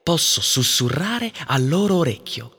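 A woman's voice: deep voice, very animated, unhurried, fairly bright tone, breathy edge, pitched below the performer's own voice, full character voice. A woman voicing a mischievous little boy ghost in a children's storybook reading, with a playful put-on voice. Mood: worried.

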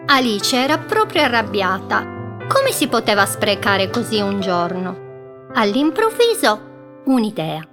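A woman's voice: mid-range voice, very animated. Woman reading a children's story over music. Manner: gentle, slow storytelling with drawn-out words. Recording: music bed behind.

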